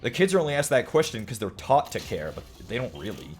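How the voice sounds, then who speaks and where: A man's voice: medium pitch, big pitch swings, fast. A man in his late twenties streaming a game, chatting casually and joking while he reads his chat aloud. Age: late 20s.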